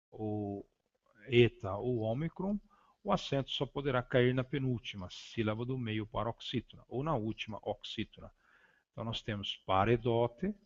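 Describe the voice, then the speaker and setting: A man at an ordinary mid pitch teaches a grammar class, working slowly and deliberately through each point. He hesitates often and restarts words as he reads from his slides. The recording sounds dull and lo-fi. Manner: slow, deliberate, spelling out words with frequent hesitations. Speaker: Greek teacher. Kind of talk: grammar lesson reading from slides.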